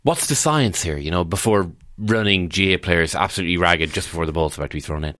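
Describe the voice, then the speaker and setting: A man's voice: sits low, quick pace, a bit bright. A man in casual sports chat as a podcast co-host.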